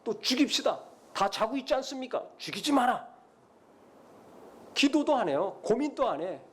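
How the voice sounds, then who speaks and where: A man's voice: very high voice, very animated, moderate pace, husky. A male pastor preaching a sermon, dramatically retelling biblical scenes and rising to emphatic blessings.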